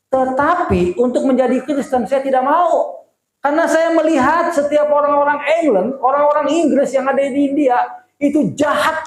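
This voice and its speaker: A man's voice: very high-pitched, reverberant, pitched above the performer's own voice, rough recording. A man acting out an earnest elderly Indian leader in a raised, emphatic storytelling delivery.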